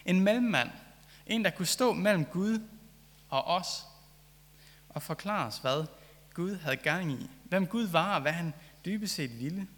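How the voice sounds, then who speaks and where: A man's voice: high voice, animated, pauses often, fairly bright tone. Earnest preaching man in a reverberant hall. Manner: earnest, reads scripture then reflects with rising emphasis. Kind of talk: sermon.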